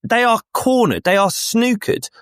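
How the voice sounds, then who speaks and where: A man's voice: very high voice, big pitch swings, a little slow, a bit bright, clear, resonant tone, no room sound, studio quality. A man in a casual football debate, arguing rhetorically and repeating questions and phrases for emphasis. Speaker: football panellist.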